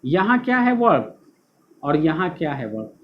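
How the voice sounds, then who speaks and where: A man's voice: fairly high pitch, sing-song, normal speed, lo-fi sound, a little hiss or hum. Patient male tutor drilling grammar rules. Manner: asks questions, then answers them himself. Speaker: English tutor. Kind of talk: classroom-style video lesson.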